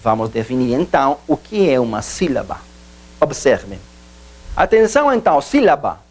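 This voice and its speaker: A man giving a video language lesson, explaining slowly, repeating himself, and stressing key points. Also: medium pitch, sing-song. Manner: slow, repetitive, emphatic teacher's explanations. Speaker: Portuguese teacher.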